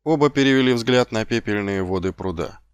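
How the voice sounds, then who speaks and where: A man narrating an audiobook in measured, expressive storytelling. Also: on the low side, smooth, dry recording, studio quality.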